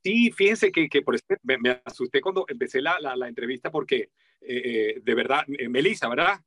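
A man's voice: a little fast, husky, no room sound. A man with a Venezuelan accent, a voice-over artist talking animatedly in an interview and acting out the voices he quotes. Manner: animated, acts out quoted voices with big pitch jumps. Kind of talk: casual interview talk.

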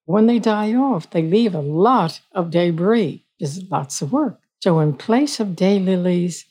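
Hosting her own show as a solo podcast, an older woman speaks in a low, mellow voice. She's chatty and folksy, repeating the points she makes.

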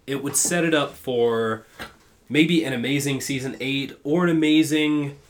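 A man in a casual podcast chat, enthusiastic and full of fillers. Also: mid-range voice.

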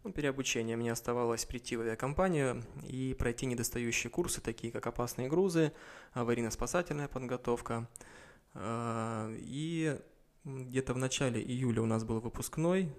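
A man in his twenties, an airline pilot, answering interview questions in a measured, explanatory way with pauses. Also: medium pitch. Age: 20s. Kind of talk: interview answers about career.

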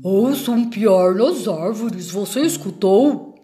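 A woman voicing a big, hungry gruffalo in a storybook reading, drawing out her words slowly. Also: mid-range voice, expressive, mellow, faint music behind. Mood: hungry, amazed. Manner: slow drawn-out delivery.

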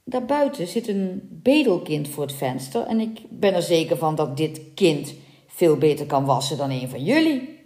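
A woman voicing a gentle, decisive young prince in a read-aloud fairy tale. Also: sits low, sing-song, moderate pace, reverberant.

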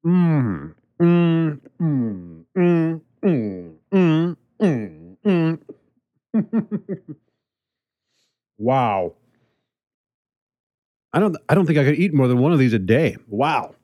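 A man's voice: fairly high pitch, sing-song, drawn-out words, long pauses, dark tone, dry recording. A man hosting a podcast, tasting a treat and chatting with enthusiasm, now and then talking with food in his mouth. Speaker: podcast host. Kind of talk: casual tasting segment and outro.

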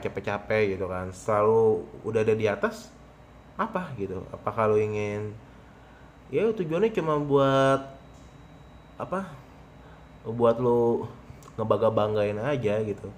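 A man's voice: on the low side, a little hiss or hum. Young man rambling casually. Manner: rambling, slangy, thinks aloud with fillers. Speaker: podcast host. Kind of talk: casual podcast chat.

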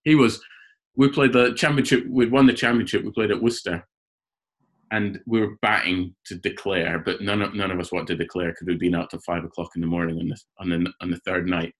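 A man who is a cricketer guest on a podcast, telling animated stories in casual chat and often repeating words as he gets going. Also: low voice, brisk. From Scotland.

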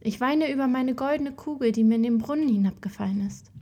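A spoiled young princess, fretful and whiny, as a woman reads her aloud. Her voice is pitched clearly higher than the narration and slightly breathy. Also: brisk, mellow, lo-fi sound. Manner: whiny, pleading. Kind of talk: fairy-tale reading.

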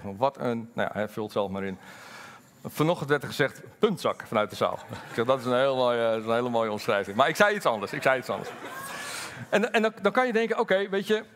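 A middle-aged man preaching a sermon as pastor, lively and candid, moving between loud emphasis and quiet, halting personal asides. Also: medium pitch. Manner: candid, halting storytelling with fillers.

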